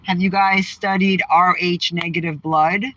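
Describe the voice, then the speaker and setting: A woman's voice: lowish voice, fairly even intonation, a little slow, noisy background. Blunt mouthy woman doing a live chat from her car, clapping back at comments. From Massachusetts. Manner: brash, outspoken, trash-talking. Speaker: livestream host.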